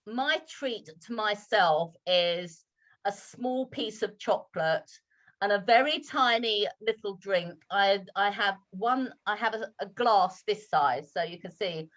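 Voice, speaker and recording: A woman's voice: medium pitch, fairly bright tone, dull audio. A woman from the United Kingdom, a guest teacher, talking candidly and chattily on a video call, with hesitant restarts. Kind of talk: casual online talk.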